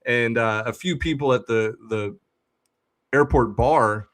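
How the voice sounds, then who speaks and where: A man's voice: mid-range voice, slow pace. A young man, host of a sports podcast, telling a funny story in casual chat and acting out the people in it. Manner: animated storyteller, acts out quoted voices.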